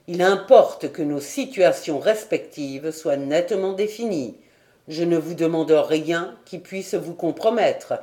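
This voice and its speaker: A woman reading the part of a grave male lord in an audiobook, measured and nearly pleading. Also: low voice, mellow, pitched below the performer's own voice.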